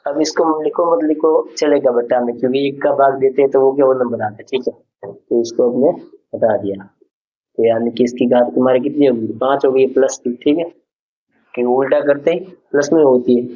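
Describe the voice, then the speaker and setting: Over a dull, lo-fi recording, a maths teacher speaks at normal speed in a mid-range, steady voice with a breathy edge. He explains each step patiently and puts questions to the class, repeating them as he goes.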